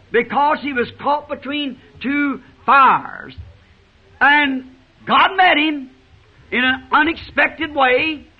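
A man preaching a fervent revival sermon. He cries out phrases and repeats lines for emphasis. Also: extremely high pitch. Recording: dull lo-fi archival sermon recording.

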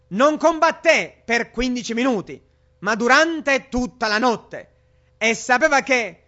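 A man's voice: extremely high pitch, pushed and bright, lo-fi sound. A man preaching a sermon to a congregation in an earnest, urgent preaching cadence.

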